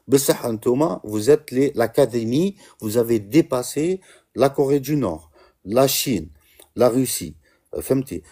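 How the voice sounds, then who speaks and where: Man, Algerian Constantine accent, low mellow voice, halting live-stream rant. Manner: halting, many "euh" fillers, mixing Arabic and French. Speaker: diaspora activist on a live stream. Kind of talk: impassioned live-stream monologue.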